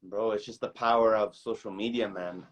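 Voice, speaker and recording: A young man from Toronto talks as a podcast guest, slightly low in pitch. He rambles easily, calling the host bro and man along the way, and comes through a remote call microphone. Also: fairly even intonation, moderate pace, rough recording. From Toronto, Canada. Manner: easygoing, rambling, says bro and man often. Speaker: guest, recording artist. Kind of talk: casual interview chat.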